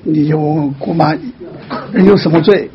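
A man with a slightly high voice counsels a caller in a patient, teaching way. He lays out each point slowly and keeps softly checking in. The sound is muffled and lo-fi. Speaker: pastor answering a caller. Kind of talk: pastoral counseling.

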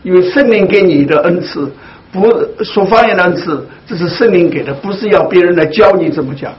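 A man leading a Bible study for his congregation, speaking slowly and deliberately with many hesitant fillers. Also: sits high. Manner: slow, deliberate, with frequent fillers. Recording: dull lo-fi recording, faint hiss.

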